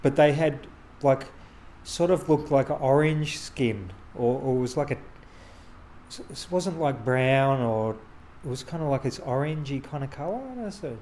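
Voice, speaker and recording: A man's voice: medium pitch, lively intonation, a little mellow, low-quality recording. Rambling man telling a street story. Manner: rambling, halting, many restarts and fillers. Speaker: street photographer. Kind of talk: casual storytelling to camera. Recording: street noise and traffic behind.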